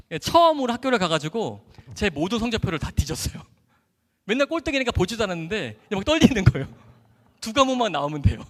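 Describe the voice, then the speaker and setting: A man who is a doctor giving an animated church testimony, acting out dialogue and laughing often as he tells his story. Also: high-pitched. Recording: echoey hall.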